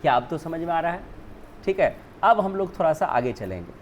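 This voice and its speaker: A man's voice: fairly high pitch, big pitch swings, a little fast, dull audio, slight background noise. A male teacher whose first language is Hindi, explaining spelling rules step by step, often asking and then answering his own questions. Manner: repeats "ठीक है ना", asks and answers own questions.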